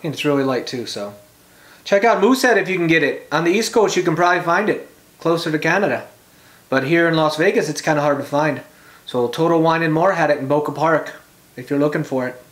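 A man's voice: fairly high pitch, brisk, a bit bright, roomy sound. A man in his forties chatting casually in short, laid-back remarks, as in a home review video filmed in a small room. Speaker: beer reviewer and vlogger. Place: small bedroom, indoors.

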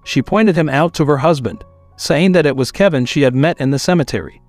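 Even-voiced male story narrator. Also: on the high side, a little fast, no room sound, soft background music.

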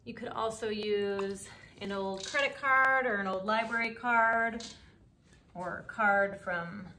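A woman teaching a pottery lesson, calmly explaining each step while she works the clay. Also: medium pitch, a little hiss or hum. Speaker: ceramics teacher. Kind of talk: instructional craft demonstration.

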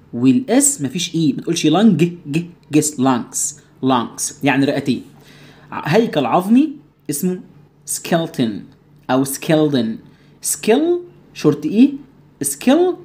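A fast-talking man with an Egyptian Arabic accent gives an English lesson. He asks himself the questions his students would ask and answers them. He drills each word by saying it slowly again and again. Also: mid-range voice, a little mellow. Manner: repeats English words slowly to drill pronunciation. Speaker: English teacher. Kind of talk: recorded classroom lesson.

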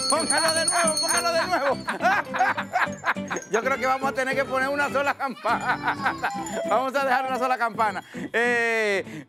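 Man, Dominican accent, high voice, playful kids' quiz host, sung countdowns, music behind. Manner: playful, laughs often, sings drum-roll countdowns. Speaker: children's show host. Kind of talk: live kids' quiz show hosting.

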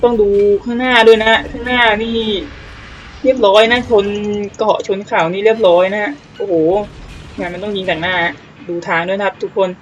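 A man giving casual let's-play commentary on a naval battle game, excitable, swearing casually and exclaiming often. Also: high voice, normal speed, dull audio, a little hiss or hum.

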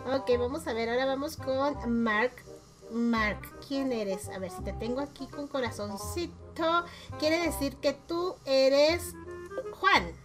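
Chatty, teasing Mexican woman vlogger. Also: sits high. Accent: Mexican Spanish. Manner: chatty, teasing, laughs often. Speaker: gaming YouTuber. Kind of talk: casual chat while rating game profiles.

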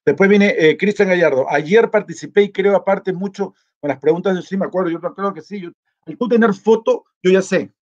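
Speaking a little fast in a high-pitched, slightly mellow voice, a vlogger hosts a live chat contest on a live stream. He's chatty and easygoing, reading out viewer greetings and comments and responding to each. The sound is lo-fi.

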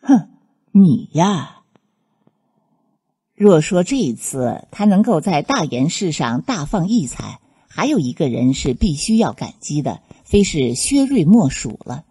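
A woman reading a serialized novel aloud as an audiobook narrator, with expressive storytelling. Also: sits low, normal speed, few pauses, breathy edge. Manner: expressive storytelling, voicing each character.

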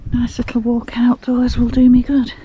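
A woman's voice: on the high side, monotone, mellow, slight background noise, rough recording. A middle-aged woman vlogging casually as she walks outdoors by the sea, chatting and reading an information sign aloud. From Scotland. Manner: chatty, reads a sign aloud at an unhurried pace. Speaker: travel vlogger. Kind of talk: casual vlog chat. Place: outdoors on a windy clifftop and fields by the sea.

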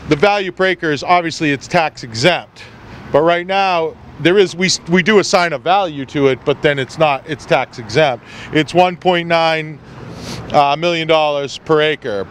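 A man's voice: on the high side, fairly bright tone. A middle-aged man leading a walking tour outdoors on a town street, explaining with lots of figures and fillers into a handheld mic. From New England. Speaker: tour guide. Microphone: handheld mic, filmed by a nearby camera. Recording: faint street noise outdoors.

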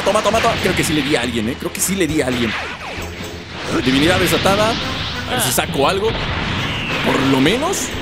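A young man giving animated gameplay commentary, talking to his viewers and shouting and laughing as he fights. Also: high-pitched. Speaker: gaming YouTuber. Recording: loud game music behind the voice.

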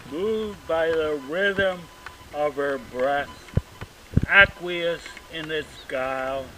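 A man reciting his own poem outdoors, in a very slow, deliberate, dramatic reading. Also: fairly high pitch. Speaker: poet. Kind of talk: poetry recitation. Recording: distant mic, outdoor noise and traffic.

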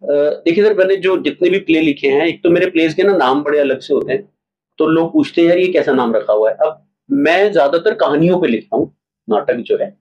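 The speaker is a playwright and theatre director, animatedly recounting stories in a casual interview and acting out brief examples. His voice is a little high and fairly quick. The highs are cut off, and there's a little hiss or hum.

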